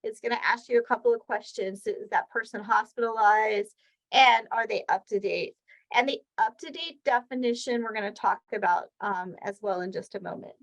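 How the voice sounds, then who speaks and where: A woman with a fairly high, slightly bright voice presents a weekly healthcare training webinar at normal speed, though the audio is poor. She walks through the slides step by step in a conversational way, giving examples.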